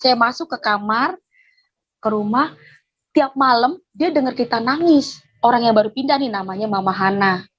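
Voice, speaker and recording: A woman's voice: a little high, moderate pace, slightly rough, lo-fi sound. A woman giving a personal faith testimony, telling her story with animation and acting out the dialogue. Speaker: testimony speaker.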